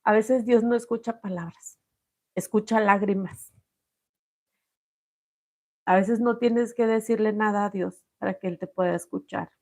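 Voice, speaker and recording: A woman's voice: medium pitch, steady tone, unhurried, pauses often, a little mellow. A middle-aged Mexican woman giving a heartfelt personal testimony, calling her listeners "corazón". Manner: emotional, addresses viewers as corazón. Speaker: host sharing testimony.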